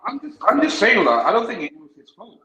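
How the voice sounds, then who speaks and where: A man's voice: high-pitched, wildly swooping pitch, quick pace. A man talking in casual chat on a football review stream through a faulty mic that makes him sound muffled and underwater, stumbling and restarting as he speaks. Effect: muffled, echoey bad mic that sounds underwater. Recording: distant muffled mic with crowd noise.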